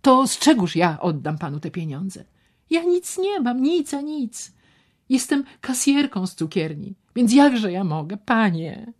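A poor, frightened young girl who pleads in rising, anxious tones, as a woman reads her in an audiobook. She speaks slowly, and her lines often sink into a fearful whisper. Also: on the high side, very animated, pitched above the performer's own voice. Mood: pleading. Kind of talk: audiobook character reading.

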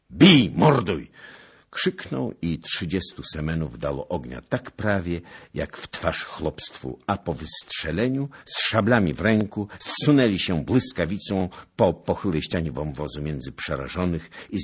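A man reading a historical novel aloud as an audiobook, with a dramatic, expressive delivery. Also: a bass voice, slightly rough. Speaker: narrator.

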